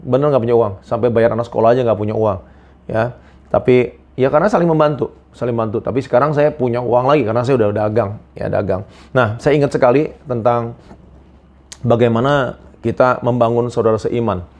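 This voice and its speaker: A male pastor preaching a sermon, telling personal stories with big swings between loud emphasis and quiet asides. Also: mid-range voice, steady tone, a little fast. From Indonesia.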